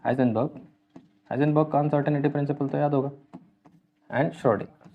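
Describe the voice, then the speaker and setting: A man's voice: on the high side, fairly even intonation, a little fast, vocal fry, slight background noise. Male teacher lecturing on chemistry, explains step by step, mixes in English terms; narrow lo-fi sound. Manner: explains step by step, asks and answers own questions. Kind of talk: classroom lecture. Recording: tinny phone-like sound.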